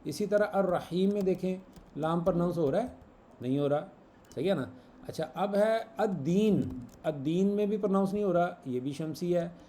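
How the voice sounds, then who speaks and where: In this online lesson, a male Arabic grammar teacher patiently goes over examples again and again and tests his students with questions. He speaks at a normal speed in a high, dark-toned voice, with a little hiss or hum audible.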